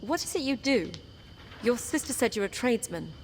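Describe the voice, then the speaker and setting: An actress playing an earnest, polite young princess in a fantasy game. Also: female voice, a little high, big pitch swings, brisk, big-room sound, a little hiss or hum.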